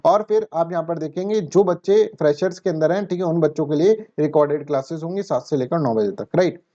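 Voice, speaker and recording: A man's voice: a little high, brisk, mellow. A man teaching an exam-prep lecture in a chatty way, asking and answering his own questions. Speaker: current affairs teacher. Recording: dull lo-fi sound.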